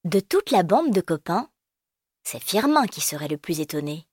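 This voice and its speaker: A woman reading a children's storybook aloud, gentle and expressive. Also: on the low side, moderate pace, breathy edge, no echo, studio quality.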